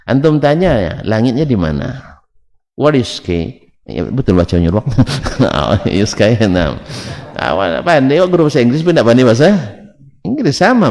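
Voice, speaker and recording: A man's voice: mid-range voice, a little mellow. A man giving a religious lesson, joking and teasing his listeners with rhetorical questions. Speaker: Islamic religious teacher. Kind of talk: religious lecture with banter. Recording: long hall reverb.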